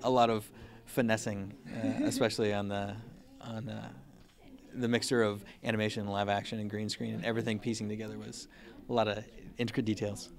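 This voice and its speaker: Low-voiced easygoing man, press wall interview. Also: little pitch movement. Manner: easygoing, halting with fillers. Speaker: music video co-director. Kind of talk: red carpet interview. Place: festival press wall, indoors. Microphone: handheld interviewer mic.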